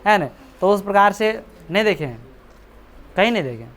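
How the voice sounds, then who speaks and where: A man's voice: high voice, very animated, moderate pace, a bit bright. A man teaching a class, chatty and joking, teasing and scolding his students. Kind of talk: classroom lecture explaining a story.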